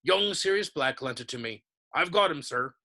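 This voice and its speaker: A man reading aloud, voicing a huge soft-hearted male giant with plain, rough, earnest speech. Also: fairly high pitch, expressive, normal speed, full character voice. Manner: plain country speech, tearful.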